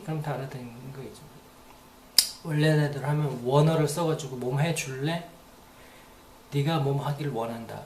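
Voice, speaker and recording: A man's voice: medium pitch, darkish tone, roomy sound, slight background noise. A man giving a casual, rambling spoken lesson, repeating phrases aloud to demonstrate them. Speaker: English teacher.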